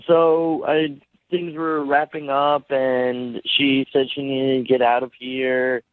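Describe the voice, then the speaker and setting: A man calling in to a radio show, telling his story slowly and hesitantly. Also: mid-range voice, flat delivery, no echo. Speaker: radio caller. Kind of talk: phone-in chat. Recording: tinny phone line.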